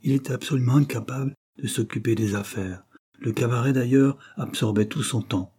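A man narrating an audiobook in a steady, even reading manner. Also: mid-range voice, a little fast, slightly rough. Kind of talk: scripted narration.

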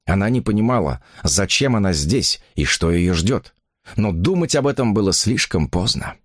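A man reading a literary novel aloud as an audiobook narrator, expressive and animated, on a close studio mic. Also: on the low side, husky, no echo.

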